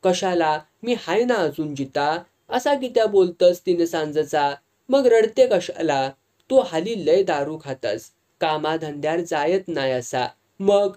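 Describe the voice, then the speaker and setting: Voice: medium pitch, lively intonation, unhurried, darkish tone, lightly acted. A narrator voicing an angry young village man who answers back defiantly, speaking with a Malvani accent.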